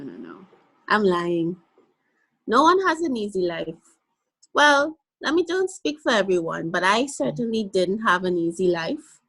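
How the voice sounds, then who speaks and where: A young Guyanese woman, her accent a blend of Guyanese and broader Caribbean, appears as a guest in a relaxed interview. She's animated and playful, laughs easily, and speaks in a mid-range voice on a low-quality recording.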